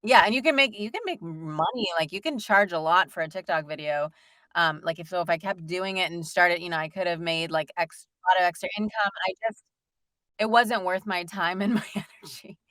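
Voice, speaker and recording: A talkative woman in her thirties chats in an interview, full of fillers and quick laughs. Her voice sits low for a woman. The sound is close and dry. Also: a bit bright, dry recording. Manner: chatty, rambling, lots of fillers and laughs. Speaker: voice actor guest. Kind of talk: casual interview chat.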